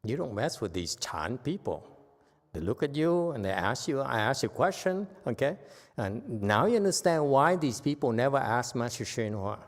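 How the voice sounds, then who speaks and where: In a temple hall, a Vietnamese-accented male Buddhist teacher delivers a dharma talk in a mid-range voice with big pitch swings at a moderate pace. His style is blunt and playful, and he keeps asking "okay?" to check in.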